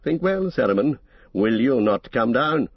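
A commanding old wizard, as a man reads him aloud, speaking sternly in a husky, mid-pitched voice. The recording is dry and slightly dull. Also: sing-song, unhurried, no room sound, full character voice. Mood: earnest. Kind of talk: audiobook character reading.

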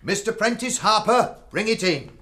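A man's voice: high voice, lively intonation, moderate pace, very noisy. An actor playing a cheerful male master cook announcing a feast.

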